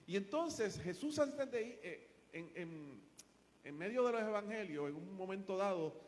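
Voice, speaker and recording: Puerto rican pastor, pretty high voice for a guy, preaching hard w lots of repeats, big echoey church hall. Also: expressive, unhurried, a little mellow. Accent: Puerto Rican Spanish. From Puerto Rico. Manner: emphatic preaching, building phrases by repetition. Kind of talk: sermon. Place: church sanctuary. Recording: long church hall reverb.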